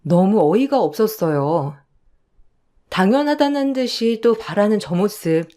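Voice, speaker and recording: A woman reading a first-person story aloud in calm, even narration. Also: mid-range voice, a little slow.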